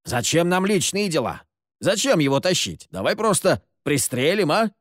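A man's voice: a little high, sing-song, moderate pace, dry recording, studio quality, pitched above the performer's own voice. A man voicing a brash, wisecracking gunslinging man who swears and argues, in an audiobook. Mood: whiny. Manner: cocky, swears, quarrelsome.

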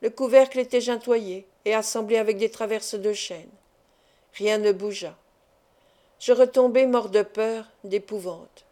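Mellow-voiced woman reading a novel aloud. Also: medium pitch, measured pace. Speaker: audiobook reader. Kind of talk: scripted narration of a novel.

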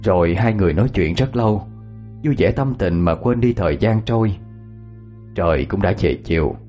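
A man, calmly narrating a scripted story. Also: low voice, normal speed, soft background music.

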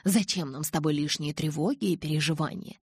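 A menacing male kidnapper, read by a woman in an audiobook, calm and mocking as he gives his orders. The voice sits low and slightly husky. The recording is close and dry. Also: a little fast, dry recording. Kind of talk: audiobook character voice.

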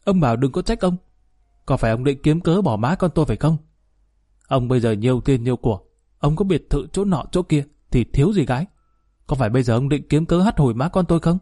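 A man reading aloud and voicing a sharp-tongued older wife and mother who accuses and wails in a storybook reading. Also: medium pitch, animated, fast talker, no echo, clean studio sound, close to an everyday voice. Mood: shrill accusing.

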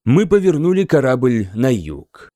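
A man narrates a first-person audiobook in a measured, dryly ironic storytelling manner. His pitch moves in a lively way through the phrases. The recording is close and dry, with no room sound. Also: no echo.

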